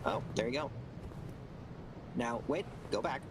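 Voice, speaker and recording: A man casually guiding another player through a video game, giving patient, measured explanations and instructions. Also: medium pitch, animated, background noise. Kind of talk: casual game walkthrough chat.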